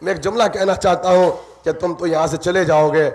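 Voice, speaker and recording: High-voiced man in impassioned mourning recitation. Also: steady tone, creaky. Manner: dramatic, swelling into loud emotional pleas. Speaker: majlis orator reciting mourning narratives.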